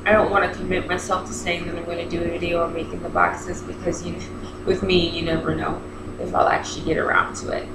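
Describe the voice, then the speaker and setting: A woman's voice: on the low side, quick pace. A woman in her thirties with braces in her mouth, chatting casually in a rambling vlog style and often interrupting herself. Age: 30s. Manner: rambling, self-interrupting, animated retelling with quoted dialogue. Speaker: vlogger. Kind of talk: casual chat to camera. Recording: echoey room with clear background noise.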